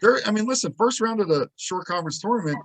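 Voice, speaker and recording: A man co-hosting a sports podcast, telling game stories in a lively, casual way and acting out what people said. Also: high voice, fast talker. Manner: animated storytelling, acts out quotes. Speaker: podcast co-host.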